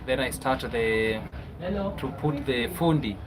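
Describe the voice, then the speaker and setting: A man's voice: medium pitch, expressive, slow pace, a crowd in the background, low-quality recording. A man with a Kenyan accent hosting a casual livestream, chatty, often ending phrases with a questioning "yeah?". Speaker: livestream host.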